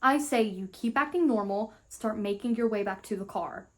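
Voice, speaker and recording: A woman voicing a worried mother texting her daughter, speaking in a calm, reassuring way. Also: medium pitch, moderate pace, lightly acted.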